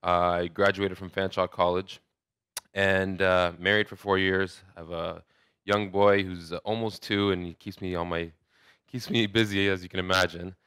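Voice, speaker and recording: Bright-toned man giving a conference talk. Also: deep voice, flat delivery, moderate pace, clean tone, no echo, clean studio sound. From Saudi Arabia. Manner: conversational, many restarts and fillers. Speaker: conference speaker. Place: large hotel ballroom, indoors.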